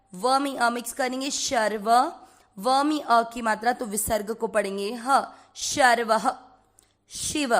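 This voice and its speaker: A woman from India leads a slow pronunciation lesson in a somewhat high voice. She takes her time over every syllable, spelling out each sound and then chanting the whole line. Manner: slow, careful, repeats each syllable and chants the verse lines. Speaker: Sanskrit recitation teacher.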